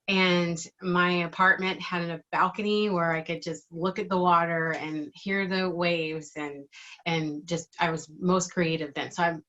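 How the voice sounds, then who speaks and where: A woman's voice: fairly low pitch, a bit bright, dull audio. A middle-aged woman giving casual, informal interview answers, with hesitant phrasing and thoughts that trail off. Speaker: interviewee, digital marketing team member.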